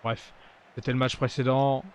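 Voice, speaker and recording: A man talks through his gameplay in a casual, conversational way. His voice sits at a medium pitch. He comments as he plays, with a grumbling, sarcastic edge to his asides. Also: little pitch movement, normal speed, slight background noise. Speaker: gaming video creator.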